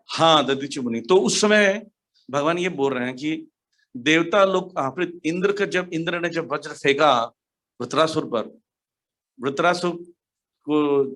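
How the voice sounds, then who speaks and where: A man's voice: on the high side, fairly bright tone. Man preaching with a heavy cave-like echo. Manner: explaining, checks if listeners follow. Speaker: devotional speaker. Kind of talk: scripture class, online. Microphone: speaks into a mic for an online class. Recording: echoey room sound.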